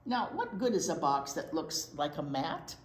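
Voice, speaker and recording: A storytime teacher with a low-sitting voice reads a picture book to young children at normal speed. Her pitch swings broadly as she stretches key words and asks small questions, in a room with a roomy, echoey sound.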